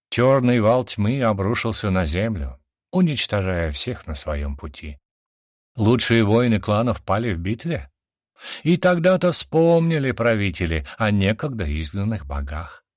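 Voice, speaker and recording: A man's voice: fairly low pitch, no room sound, clean studio sound. A man narrating a fantasy audiobook with dramatic storytelling.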